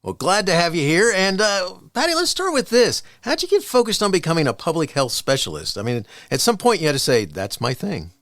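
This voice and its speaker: A man's voice: a little high, big pitch swings, a little fast, few pauses, a bit bright, no echo, clean studio sound. A man hosting an education podcast interview, reading a guest introduction and chatting loosely with many restarts. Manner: chatty, repeats words and restarts. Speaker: podcast host.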